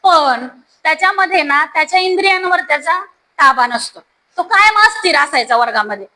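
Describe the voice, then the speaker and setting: A woman's voice: sits high, lively intonation, brisk, sharp tone, low-quality recording. A woman teacher explaining a devotional verse to schoolchildren in a storytelling way, speaking directly to the students.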